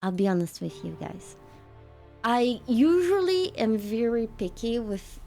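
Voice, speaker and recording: A woman's voice: on the high side, very animated, a little slow, gravelly, dark tone, soft background music. A woman livestreamer chatting casually with her viewers while gaming, thanking them and answering their questions.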